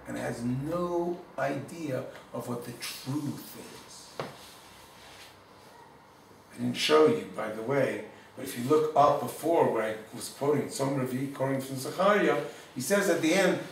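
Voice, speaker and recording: Guy from the states teaching a torah class, gravelly voice, a bit away from the mic in a roomy echoey space. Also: medium pitch, distant mic, a little hiss or hum. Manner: warm storytelling, sprinkles Hebrew and Yiddish words. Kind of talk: informal storytelling lecture. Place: room in Jerusalem.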